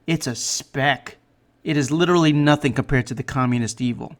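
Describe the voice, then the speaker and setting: A man hosting a political commentary show, delivering mocking jokes in a sarcastic, deadpan way. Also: mid-range voice, a little fast.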